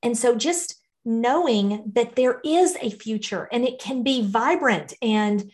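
A woman with a slightly high, somewhat slow, gently mellow voice speaks as a guest on a podcast. She's a financial educator for parents, and her conversational interview talk comes across as earnest and encouraging.

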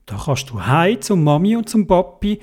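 A storyteller shouting as a bossy young sled leader. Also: medium pitch, sing-song, normal speed. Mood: kind. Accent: Swiss German. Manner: calling out, bossy.

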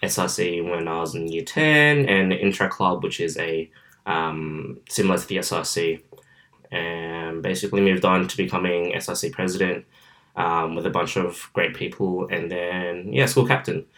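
A deep, fairly bright voice comes from an Australian man of about twenty-one, originally from southwestern Sydney, who hosts a podcast alone from his bedroom. Captured on a filming camera, he talks at normal speed in a casual, outgoing manner full of fillers.

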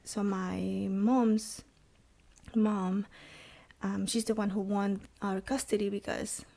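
On a podcast, a woman in her thirties shares her personal testimony in Salvadoran-accented Spanish, stopping and starting again and again. She comes from El Salvador and speaks at a medium pitch in a level, warm tone with some vocal fry.

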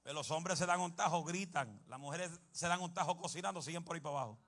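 A man preaching a sermon, animated and humorous, bursting into shouts. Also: a little high, quick pace.

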